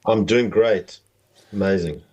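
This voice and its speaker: A middle-aged man with a South African accent and a low, darkish voice shares personal stories as a podcast guest. He speaks conversationally, halting and meandering as he goes.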